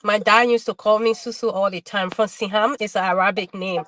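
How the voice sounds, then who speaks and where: A middle-aged woman from Liberia, a bodybuilder guest telling her story in casual webinar talk, halting and restarting her words often. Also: medium pitch, fairly even intonation, fairly bright tone.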